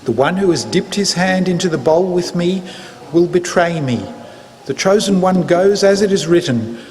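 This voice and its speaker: A man playing Jesus as a solemn teacher in a measured, declarative scripture reading. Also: high voice, expressive, darkish tone. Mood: grave. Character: Jesus, solemn male teacher addressing disciples. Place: large church, live reading. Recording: reverberant church hall, faint noise.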